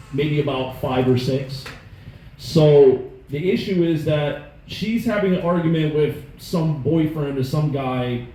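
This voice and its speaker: 30s guy doing standup, swears a lot, kinda high voice, echoey club. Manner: animated, profane, self-mocking. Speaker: stand-up comedian. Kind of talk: stand-up storytelling. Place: comedy club stage. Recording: echoey room, faint noise.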